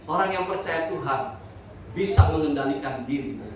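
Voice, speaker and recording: A pastor preaching a sermon in a church, joking and asking the congregation questions. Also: male voice, a little high, normal speed, gravelly, a little hiss or hum. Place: church hall. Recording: very echoey hall, from a distance.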